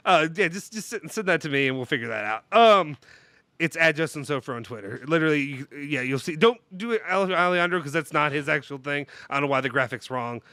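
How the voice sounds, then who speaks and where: A man with a congested, nasal sound and a bright, forceful delivery talks very quickly. He hosts a casual live stream, rambling and poking fun at himself in a dry, close recording. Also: fairly high pitch, expressive, clean tone, no echo. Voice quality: nasal, blocked-nose sound. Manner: jokey, rambling, self-deprecating. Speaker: YouTube channel host.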